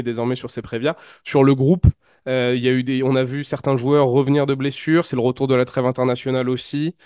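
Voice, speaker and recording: A man's voice: medium pitch, darkish tone, smooth, dry recording, clean studio sound. A man hosting a football preview show, talking casually with many hesitations and fillers. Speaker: host. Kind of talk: casual chat.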